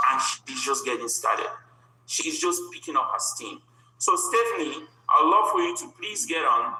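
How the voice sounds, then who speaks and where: An enthusiastic man hosts a video call and introduces a guest with plenty of encouragement. His voice is very bright and sharp, set a little high for a man, and it rings in an echoey room. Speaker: host.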